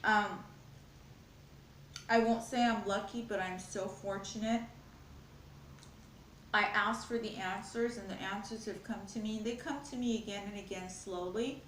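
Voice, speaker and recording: A woman's voice: mid-range voice, fairly even intonation, unhurried, long pauses, fairly bright tone. A woman chats earnestly to the camera while she eats, rambling through her thoughts and now and then talking with her mouth full. Her voice sits in a middle range. The room echoes around her, with a faint hum behind. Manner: earnest, rambling, spiritual musing. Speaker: mukbang vlogger. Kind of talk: casual chat while eating. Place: home, at a glass table.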